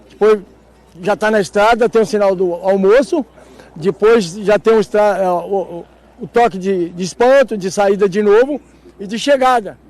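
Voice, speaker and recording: Folksy high-voiced male horn player. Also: darkish tone. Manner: folksy, laughing, rambling. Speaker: cattle horn player and farm producer. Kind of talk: casual interview answers. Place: outdoors at a farm fair.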